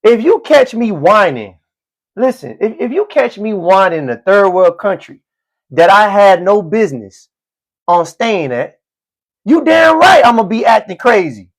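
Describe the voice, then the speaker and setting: Brief: American man hosting a stream, high and gravelly, mocking and profane. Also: unhurried. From United States. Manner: profane, animated, stammering repeats, mocking. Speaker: live stream host. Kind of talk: ranting commentary.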